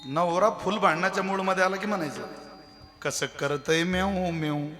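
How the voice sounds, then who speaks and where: A man from Maharashtra preaching a devotional kirtan sermon, folksy and humorous, now and then breaking into high sung verses. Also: steady tone, moderate pace.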